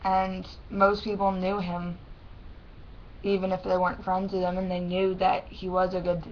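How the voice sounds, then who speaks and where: A young adult woman with a lisp and thick, swollen-tongue speech, talking haltingly and plainly in a casual personal vlog. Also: lowish voice, monotone. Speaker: vlogger. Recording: dull lo-fi sound with faint noise.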